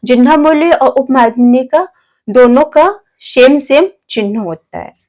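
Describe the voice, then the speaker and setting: A woman's voice: high-pitched, expressive, unhurried, a little mellow. A woman teaching grammar to her viewers, asking questions and answering them herself and spelling letters out one by one. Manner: addresses viewers as friends, asks and answers own questions.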